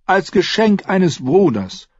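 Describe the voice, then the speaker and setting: Male reader doing a high, taunting young lord from an audiobook; smug, boastful, husky. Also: sing-song, no echo, muffled recording, exaggerated voice. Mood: mocking. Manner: high, taunting, drawn-out delivery.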